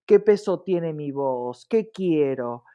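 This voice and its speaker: On a dull, lo-fi interview recording, an Argentine man who works in diversity reflects as a podcast guest, frequently checking in with brief tag questions. He sounds smooth and animated, on the high side, and takes his time.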